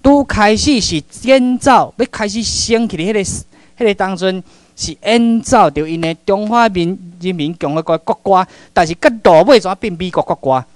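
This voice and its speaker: A middle-aged man from Taiwan giving a public lecture, telling stories in an animated way that swings between loud and hushed. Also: high voice, moderate pace, dry recording.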